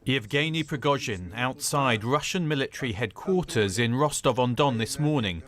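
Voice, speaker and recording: A male correspondent voices a scripted news package. His pitch is average for a man, and the delivery is that of broadcast report narration. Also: moderate pace, a bit bright. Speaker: security correspondent.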